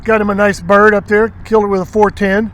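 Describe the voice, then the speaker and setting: A man's voice: high voice, quick pace. A man hosting an outdoors show, telling rambling hunting stories and acting out what people said, recorded outdoors at a marina. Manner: rambling, animated storyteller acting out quotes. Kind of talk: casual storytelling chat.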